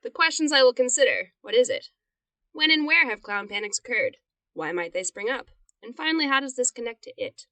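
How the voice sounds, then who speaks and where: A woman co-hosts a podcast from inside a closet, her voice dry and close with no room sound. Her tone is bright and forceful. She chats casually, giggles often and pokes fun at herself. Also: fairly high pitch, lively intonation, a little fast, dry recording. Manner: giggly, playful, self-mocking. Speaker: podcast co-host.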